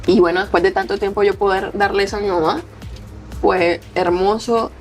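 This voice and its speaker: A woman's voice: medium pitch, moderate pace, faint music behind. A young woman with a Colombian accent, a tearful athlete telling stories in an interview and acting out the people she quotes. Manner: expressive, acts out quoted voices. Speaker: athlete guest. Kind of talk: emotional interview storytelling.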